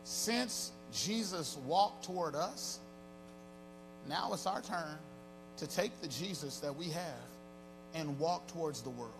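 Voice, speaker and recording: Slow-paced and expressive, a man in his forties preaches from a large church stage in a voice on the high side. As pastor, he uses a handheld mic and a rising, half-sung cadence. The stage holds band gear and an audience, with music in the background.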